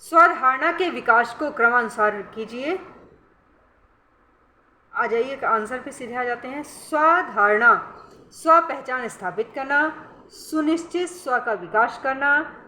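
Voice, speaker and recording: A woman's voice: sits high, lively intonation, slow, pushed and bright. A woman teacher with Indian-accented English words, coaching students for an exam in a coaxing way and often asking if they follow. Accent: Indian English words mixed into Hindi. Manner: coaxing, calls students beta, keeps asking "correct?". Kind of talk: exam-prep lesson. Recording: echoey room with faint noise.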